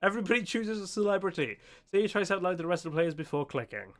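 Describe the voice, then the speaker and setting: Bright-voiced man streaming a game. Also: high voice, racing. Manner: jokey, animated. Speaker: streamer hosting a group game. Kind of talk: casual gameplay chat and reading aloud. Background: faint music.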